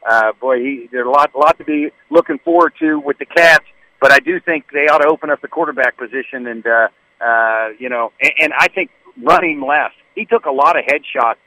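Bright-voiced male sports radio caller. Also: mid-range voice, a little fast, dry recording, poor audio. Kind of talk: casual sports opinion.

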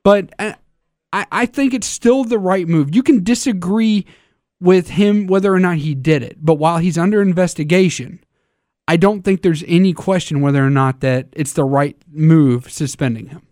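A man's voice: sits high, moderate pace, darkish tone, no echo, clean studio sound. A man hosting a casual sports talk show, stammering through restarts as he poses questions to his co-hosts.

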